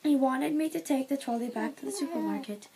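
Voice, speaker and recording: A woman reading a picture book aloud to her baby in a slow, gentle, careful way at home. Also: sits high, creaky, a crowd in the background.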